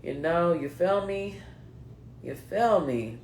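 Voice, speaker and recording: Speaking slowly with lively intonation, a woman in her late thirties reads cards for her audience in a casual, slangy, chatty manner, addressing them directly. Her fairly low voice has a darkish tone and a mixed East Coast accent (New England, Philadelphia, North Carolina, Delaware). The room echoes, and there's slight background noise.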